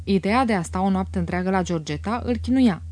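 A woman reading a classic novel aloud in a measured, even audiobook narration. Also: medium pitch, dry recording.

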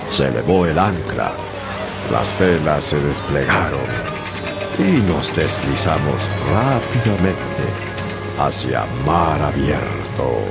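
With a slow, animated bass voice full of vocal fry, an actor gives a full character performance as a young sailor recounting his sea adventure in first person. The dramatized radio story feels intrigued and suspenseful, with music playing beneath the narration.

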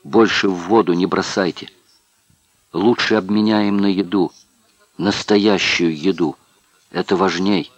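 A man voicing a weak, exhausted male prisoner who speaks in a hushed, urgent way. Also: deep voice, steady tone, measured pace, long pauses, no echo.

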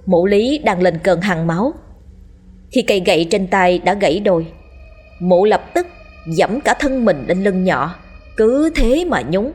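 A woman's voice: medium pitch, lively intonation, measured pace, a little mellow, breathy edge, soft background music. A woman narrating a horror story in a dramatic storytelling manner.

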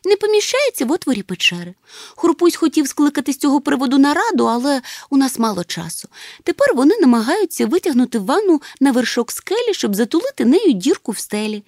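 Soothing storybook mama creature, lively rising voice done by a woman. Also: high-pitched, fast talker, no echo, clean studio sound, voice pushed up. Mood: gentle. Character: kindly mother creature, calm and homely.

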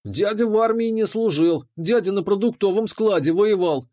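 A man's voice: moderate pace, mellow, close to an everyday voice. A man voicing a cheeky teenage boy pickpocket who mocks and then whines shrilly in a storybook reading. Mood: mocking. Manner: mocking, giggling, then shrill whining.

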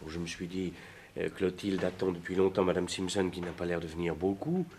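An actor playing an anxious, jealous young lover who stammers and pleads in 1950s French stage style. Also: male voice, sits low, a little fast, a little mellow, slight background noise. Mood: pleading. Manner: stammering, pleading, rising to indignant outbursts.

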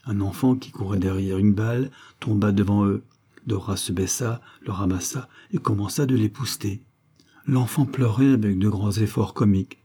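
A man reading a literary novel aloud in a measured, even way. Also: lowish voice, breathy edge. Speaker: audiobook reader. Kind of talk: scripted literary narration.

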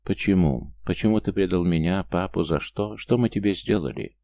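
A man's voice: low voice, moderate pace, gravelly, dark tone. A man reading an audiobook, voicing a young princess and pregnant wife who is frightened, accusing and pleading. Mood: tearful, pleading.

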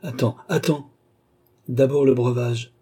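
A man voicing a young noblewoman speaking from a trance in halting, dreamy replies, in an audiobook reading. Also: medium pitch, fairly even intonation, warm tone, breathy edge, pitched above the performer's own voice. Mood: entranced.

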